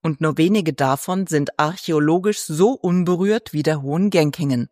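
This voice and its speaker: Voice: mid-range voice, normal speed, a little mellow, dry recording, studio quality. A narrator reading a scripted audio guide, formally addressing visitors directly.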